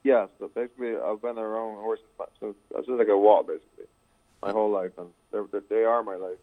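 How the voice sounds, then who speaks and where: A man's voice: fairly low pitch, fairly even intonation, quick pace. A man in his thirties from Barbados, a horse trainer speaking modestly and plainly as an interview guest. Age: 30s. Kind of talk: phone-in interview. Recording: tinny phone line.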